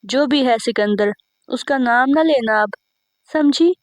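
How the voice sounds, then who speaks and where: A woman's voice: high-pitched, slow pace, no echo. A woman voicing a strict middle-aged mother who scolds her daughter. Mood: scolding.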